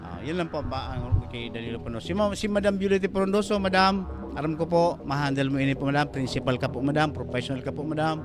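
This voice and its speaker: A man's voice: fairly high pitch, fast, over music. A man with a Bicolano accent, lecturing and admonishing a caller, then pleading politely.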